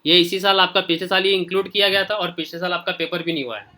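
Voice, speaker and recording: Male teacher, bright and forceful tone, informal, talks straight to students. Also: high voice, quick pace. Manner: informal, repeats "okay" often while scrolling through pages; speaks directly to students. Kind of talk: casual screen-share lesson.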